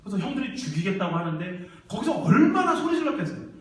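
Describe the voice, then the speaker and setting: High, lively man preaching in echoey church. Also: fast, slight background noise. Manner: lively storytelling, acting out quoted voices. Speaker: church ministry staff preacher. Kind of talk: sermon to young adults. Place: large church hall. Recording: very echoey church hall, mic far off.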